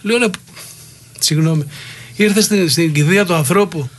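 A middle-aged man, a former wrestler, being interviewed and telling rambling, heated anecdotes full of quoted dialogue. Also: fairly high pitch. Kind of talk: interview storytelling.

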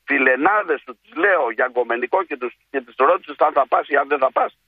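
Man, phone caller, husky voice, talks nonstop, tinny phone line. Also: medium pitch, expressive, no room sound. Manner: nonstop, rapid talker. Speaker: caller, colleague.

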